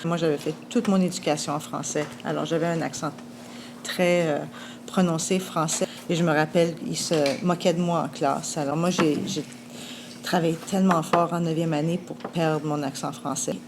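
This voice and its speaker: Woman telling a heartfelt story, low voice, clear noise behind her. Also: steady tone, normal speed. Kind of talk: personal testimony.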